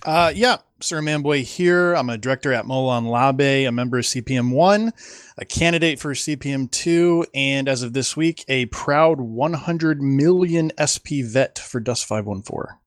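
A man's voice: mid-range voice, moderate pace, no echo. Dry-sounding man introducing himself casually. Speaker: podcast guest, council candidate. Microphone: online voice chat.

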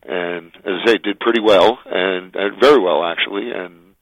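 A man's voice: low voice, moderate pace, no echo. A middle-aged man speaking casually as an interview guest, telling his story over the telephone. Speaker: interview guest, fantasy baseball writer. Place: phone interview. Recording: thin narrow telephone line.

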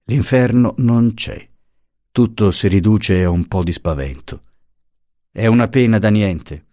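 A man voicing a cold, grieving young mother who speaks with flat, icy contempt, in a dry audiobook reading. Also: on the low side, unhurried, no echo, lightly acted.

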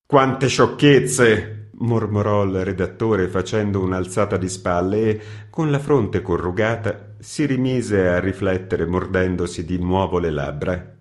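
A man narrating a classic short story in a measured, even manner. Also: low voice. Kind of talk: scripted audiobook narration.

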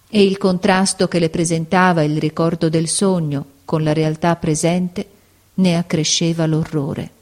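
A woman narrating a novel aloud in a measured, expressive reading. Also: lowish voice. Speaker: audiobook narrator. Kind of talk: scripted narration.

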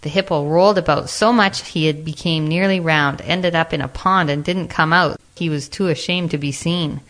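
A woman narrating a children's animal fable in a gentle, expressive storybook manner. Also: low-pitched, moderate pace.

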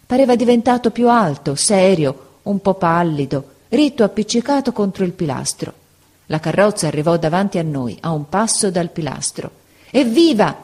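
A woman's voice: on the low side, normal speed. Woman narrating an audiobook expressively. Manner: expressive, vivid reading. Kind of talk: scripted narration.

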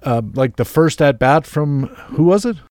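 Man telling a story slowly. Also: a little high, expressive, a little mellow, no room sound, studio quality. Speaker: radio show host. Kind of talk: casual radio chat.

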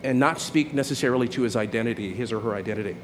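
A pastor in his forties delivers a sermon in a loose, conversational way, starting phrases over and checking in with the room as he goes. His voice sits at an ordinary middle pitch for a man. A faint noise runs underneath. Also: racing. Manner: conversational, repeats "right?" often, many restarts.

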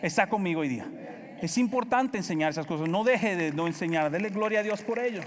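A middle-aged Dominican man with a Dominican Spanish accent, preaching a loud, animated sermon and acting out family dialogue. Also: high-pitched, fast talker, in a large hall, some chatter behind. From Dominican Republic. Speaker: pastor.

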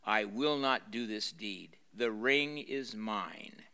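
A man reading aloud as a small male hobbit turned defiant, speaking clearly and with command. The tone is bright and close to the reader's own. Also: fairly low pitch, slow pace, heavily acted.

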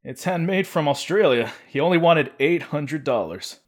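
A man's voice: a little high, lively intonation, normal speed, pitched above the performer's own voice. A man voicing a drowsy, dazed young stoner artist in an audiobook. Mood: spacey. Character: stoned young male artist, slow and spacey. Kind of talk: audiobook character voice.

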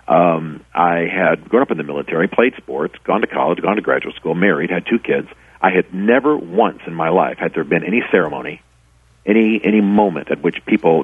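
A man's voice: low-pitched, slightly rough, dry recording. A middle-aged man, an author and former pastor, telling stories earnestly in a radio interview with many restarts. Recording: tinny phone line, dry.

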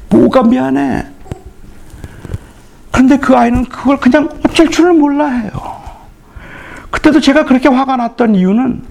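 A man's voice: high voice, vocal fry, a little mellow. A middle-aged male pastor giving a retreat sermon, telling family stories and acting out the dialogue. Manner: storytelling, acts out family dialogue.

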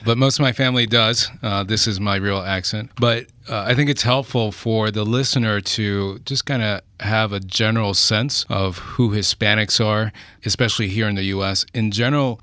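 A man, a pastor and guest, explaining his points clearly with examples in a radio studio interview. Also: fairly low pitch, fairly even intonation, normal speed, hardly any pauses, pushed and bright, no echo.

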